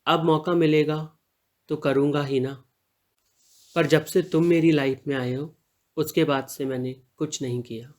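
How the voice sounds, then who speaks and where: A man reading the part of a male truck driver in an audio story, calm and reassuring toward his partner. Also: on the high side, unhurried, natural voice. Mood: tender. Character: male truck driver, protective and teasing lover.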